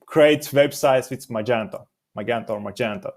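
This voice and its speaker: A young adult man, a native Romanian speaker, answers interview questions haltingly, searching for words. He's appearing as a guest SEO expert, and his voice is mid-range with a darkish tone.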